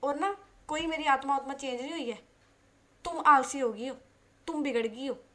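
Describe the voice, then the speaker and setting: Woman reading as a serious, caring young woman, soft and earnest, storybook lover. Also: on the high side, steady tone, slow. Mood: indignant. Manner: earnest, softened.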